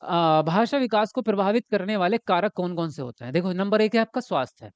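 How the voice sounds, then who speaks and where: A man's voice: high voice, expressive, fairly quick, clear, resonant tone, no echo. A man teaching a live online exam-prep class, chatty and often checking with his viewers. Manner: chatty, keeps asking "right?" and answers chat comments. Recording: dull lo-fi dry sound.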